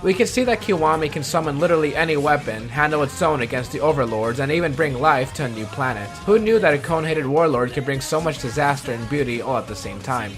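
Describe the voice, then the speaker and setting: With a slightly high voice and lively intonation, a man races through a scripted countdown video, barely pausing. As host he adds wry, self-deprecating remarks, and music runs beneath his voice.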